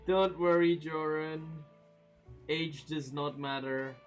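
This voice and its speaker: Speaking extremely slowly in a voice on the high side, a man in his early twenties hosts a stream with faint music behind him. He chats casually and responds to viewer comments, relaxed and talkative, with frequent laughs and plenty of fillers.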